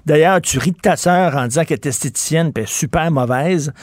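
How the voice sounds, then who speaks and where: A man with a Québécois accent hosting a casual interview, chummy and animated with frequent stammers. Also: fairly high pitch, fast, no room sound, clean studio sound. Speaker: radio host.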